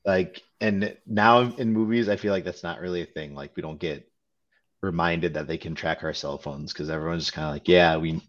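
Low-voiced man chatting on a podcast. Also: fairly quick, lo-fi sound. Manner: rambling, lots of "like" and "you know". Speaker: podcast co-host. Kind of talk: casual film discussion chat.

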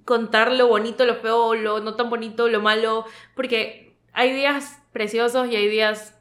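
A young woman talks as a guest in a relaxed podcast chat. Her voice is on the high side, and she thinks aloud, restarting phrases and agreeing often with "total". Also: moderate pace. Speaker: guest, friend of host. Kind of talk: casual conversation.

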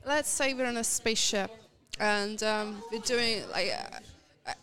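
A woman who works as a voice actress, talking casually as a podcast guest in animated bursts with frequent restarts. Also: mid-range voice, measured pace. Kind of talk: casual conversation.

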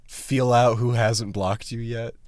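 A man's voice: medium pitch, flat delivery, takes it slowly, a little mellow, no room sound. A young man co-hosting a casual movie review chat with dry, sardonic asides. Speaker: podcast co-host.

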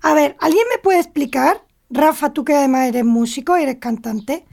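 A woman co-host with a high voice and a gravelly, fry-laden edge. She presses her question in an earnest, insistent way during casual radio chat. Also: normal speed, a little mellow.

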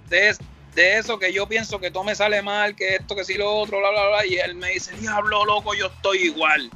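Reflective Puerto Rican rapper, bright voice. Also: male voice, high voice, fairly even intonation, normal speed, soft background music. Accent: Puerto Rican Spanish. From Puerto Rico. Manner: rambling, reflective, acts out quoted dialogue. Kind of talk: casual interview storytelling.

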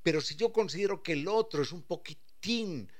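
A man giving an expressive explanatory talk, acting out quoted phrases and stretching key words. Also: high voice, moderate pace. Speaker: speaker explaining language history.

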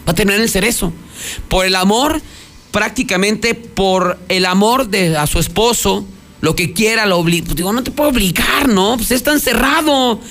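A man's voice: sits high, moderate pace, fairly bright tone. A Mexican man hosting a talk radio news show, telling crime stories in an indignant, chatty, moralizing way.

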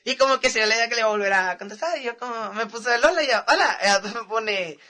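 A man's voice: very high-pitched, fast talker, sharp tone. A young man with a northern Mexican accent, chatting casually and telling a story in slang, laughing often. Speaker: podcast co-host. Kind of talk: casual chat.

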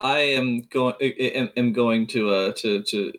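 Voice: medium pitch, normal speed. A player at a tabletop fantasy game, chatting casually and slipping playfully into character.

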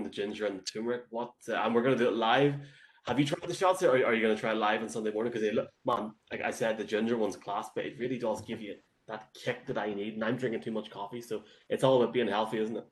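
A man's voice: on the low side, quick pace. An Irish man hosting a sports show in a casual, chatty and enthusiastic way.

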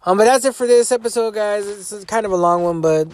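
A man's voice: high-pitched, quick pace, darkish tone, no echo. A man hosting a solo podcast, rambling casually with lots of swearing and restarts. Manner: rambling, profane, frequent restarts. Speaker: podcast host.

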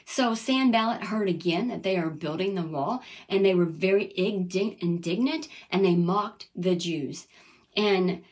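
An earnest woman preaching a sermon at a middle pitch. She reads scripture aloud and acts out the voices it quotes. She keeps asking her listeners "Amen?". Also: a little slow, darkish tone.

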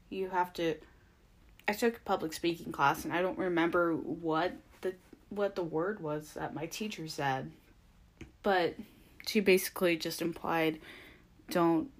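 Young female recap podcaster, lowish register, chatty, opinionated, loosely rambling delivery. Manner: conversational, rambling, frequent "like" and hedged opinions. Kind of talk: casual opinionated recap commentary.

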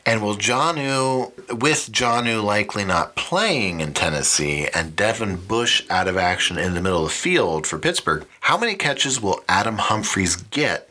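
A man's voice: on the low side, sing-song, normal speed, sharp tone. A man hosting a podcast, giving fantasy football matchup commentary in a wry, mock-dramatic announcing manner. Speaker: podcast host.

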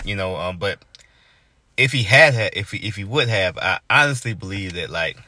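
A man's voice: sits low, animated, moderate pace, bright, forceful tone. A man, co-hosting a casual podcast chat, rambling with lots of fillers. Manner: laid-back, rambling with many fillers. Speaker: podcast co-host.

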